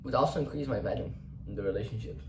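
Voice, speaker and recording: A young man, a Portuguese native speaker, thinks aloud in English in a rambling, unscripted personal vlog, restarting often and swearing casually. His voice is lowish and very fast. He sits far from the mic in an echoey room with a noisy background.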